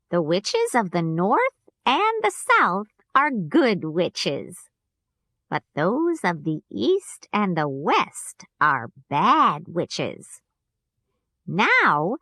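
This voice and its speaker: A woman doing a gentle, kindly good witch. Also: mid-range voice, dry recording, studio quality, full character voice.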